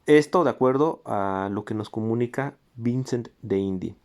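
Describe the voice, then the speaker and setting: A man gives a music theory lesson in a steady, explanatory way. He points to examples as he goes and sings short rhythm syllables to show the accents. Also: medium pitch, normal speed. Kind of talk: recorded lecture.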